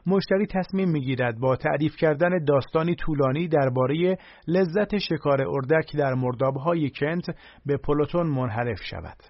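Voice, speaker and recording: A man narrating a nonfiction audiobook in a measured, even reading. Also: fairly high pitch, dry recording. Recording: dry, slightly dull recording.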